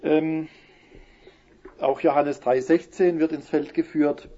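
A man giving a Bible teaching talk, who explains verses and reads the quotes slowly with emphasis. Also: a little high, fairly even intonation, warm tone. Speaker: preacher. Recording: muffled lo-fi recording.

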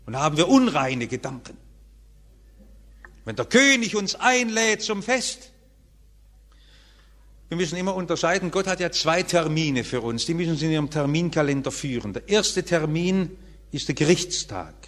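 A man preaching a sermon as pastor, emphatic, with wide swings between high raised phrases and low quiet ones. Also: expressive, moderate pace, pauses often. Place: church. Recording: church hall reverb.

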